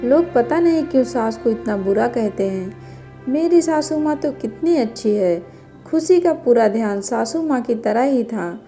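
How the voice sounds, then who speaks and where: A woman narrating a scripted family story in a gentle, measured way. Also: on the high side, expressive, soft background music.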